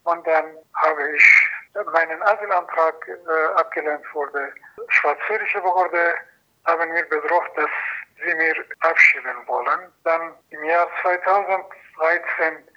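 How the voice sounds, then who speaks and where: A man giving a personal testimony as an asylum seeker, in halting, phrasing with frequent restarts. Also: fairly high pitch. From Iran. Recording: dull lo-fi recording.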